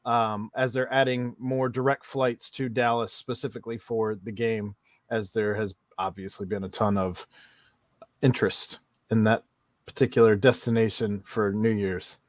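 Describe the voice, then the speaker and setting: A man hosting a casual sports podcast, steering the talk from topic to topic in a relaxed, conversational way. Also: fairly low pitch, normal speed, dry recording, studio quality. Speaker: podcast host.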